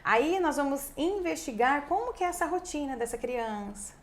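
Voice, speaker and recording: A Brazilian woman, a speech therapist, talks in a somewhat high voice. She explains in a lively, conversational way and drops in quick tag questions. Her delivery stays chatty and expressive throughout. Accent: Brazilian Portuguese. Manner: lively, acts out parents' voices, frequent "né".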